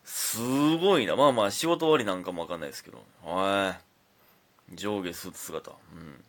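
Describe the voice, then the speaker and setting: A young man with a Kansai accent talks on his own comedy podcast. He rambles easily from story to story. His fairly low voice rises and falls a lot as he goes. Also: animated, moderate pace, fairly bright tone. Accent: Kansai Japanese. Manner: laid-back, rambling storytelling. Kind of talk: casual solo talk show.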